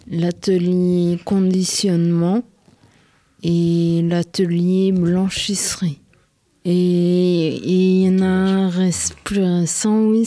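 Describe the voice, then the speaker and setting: A woman in her thirties with a western French accent, answering questions in a radio studio with halting speech and many pauses. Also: on the low side, mellow, no echo. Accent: French, from western France. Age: 30s. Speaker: interviewee. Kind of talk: radio interview.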